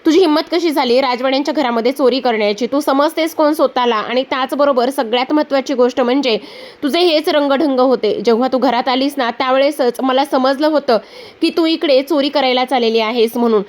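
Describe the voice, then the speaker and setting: A stern, scolding middle-aged aunt from a TV serial recap, voiced by a woman retelling the episode. She lays out accusations in a high voice. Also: brisk, close to an everyday voice.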